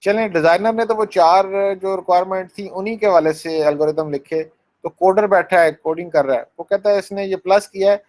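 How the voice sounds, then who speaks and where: Lecturing man with a higher voice. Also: steady tone, brisk, darkish tone, rough recording. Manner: explains by acting out little scenes, asks the class questions; mixes English phrases into Hindi speech. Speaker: university lecturer. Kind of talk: classroom lecture.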